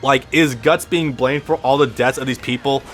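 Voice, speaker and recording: A man's voice: medium pitch, fairly even intonation, normal speed, fairly bright tone, faint music behind. A man with a lisp giving casual, rambling gameplay commentary as a let's play host, swearing freely and restarting his sentences often. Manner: rambling, profane, frequent restarts.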